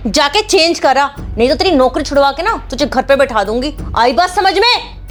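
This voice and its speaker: A woman's voice: high voice, animated, normal speed, faint music behind. A woman playing a strict, domineering mother-in-law in a family drama skit, scolding and bossy.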